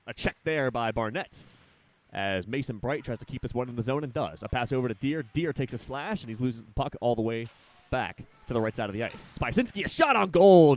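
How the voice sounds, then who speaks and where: A young man calls a college hockey game play by play in a quick, running patter. His voice climbs when a shot goes toward the net. He names each pass as it happens. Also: medium pitch. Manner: rapid, rising excitement on big plays. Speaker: play-by-play announcer. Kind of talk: live hockey play-by-play commentary.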